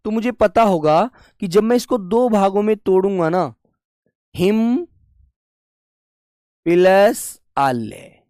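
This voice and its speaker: A young man teaching a live online Hindi class, patient and deliberate, repeating each point and calling students his dear children. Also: sits high, darkish tone, no echo, clean studio sound. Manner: slow and deliberate, breaks words into parts.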